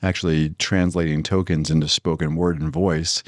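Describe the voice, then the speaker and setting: A male podcast co-host in relaxed, playful conversation who laughs easily. His voice sits very low. The sound is dry and close. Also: moderate pace, no room sound. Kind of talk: casual chat.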